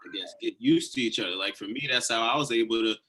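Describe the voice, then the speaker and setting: A young man from St. Louis, a former college athlete, talking in a relaxed, conversational way in a panel discussion. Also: mid-range voice, fast, rough recording.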